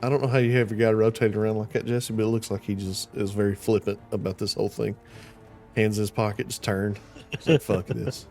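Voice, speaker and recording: A man's voice: fairly low pitch, flat delivery, fast, a little mellow, faint music behind. A young man running an online tabletop game as game master, joking and swearing casually.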